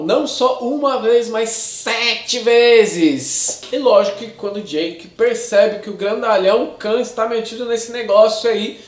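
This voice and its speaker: A Brazilian man in his thirties chattily reviewing a film to camera in slangy, casual speech with frequent tag questions. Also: high-pitched. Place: small indoor room with shelves of discs. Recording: echoey untreated room.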